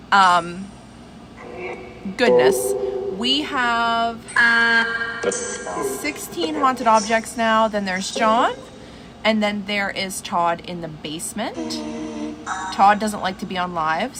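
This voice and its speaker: A woman hosting a casual livestream from home, chatting and addressing her listeners by name. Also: a little high. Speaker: livestream host. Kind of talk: casual livestream chat with viewers. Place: at home indoors. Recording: noisy livestream with steady background hiss.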